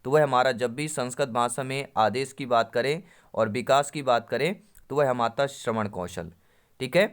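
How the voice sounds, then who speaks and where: A man's voice: medium pitch, moderate pace, smooth. A man teaching an exam-prep lesson, reading Sanskrit options and explaining them in Hindi while addressing viewers as friends.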